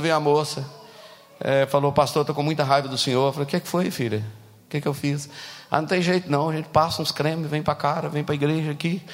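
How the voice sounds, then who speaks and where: Preaching Brazilian man in a reverberant church. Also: a little high. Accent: Brazilian Portuguese. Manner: animated preaching, rising to shouts. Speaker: pastor. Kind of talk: sermon.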